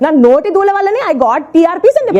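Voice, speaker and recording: Reality contestant, female, very high voice, insistent and interrupting, faint music underneath. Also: very animated, brisk, dark tone, highs cut off. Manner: insistent, interrupts, mixes English. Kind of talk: heated argument.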